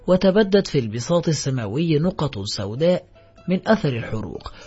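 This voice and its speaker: Casting: male audiobook narrator, solemn and measured, slightly high voice, husky. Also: a little mellow. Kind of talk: dramatic audiobook reading. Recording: dull lo-fi audio, faint music.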